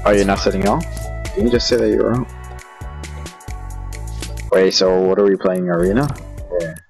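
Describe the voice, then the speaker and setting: A man on a headset chatting casually with friends while gaming, slangy and relaxed, saying bro a lot. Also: low voice, normal speed, gravelly, faint music behind. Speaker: gamer.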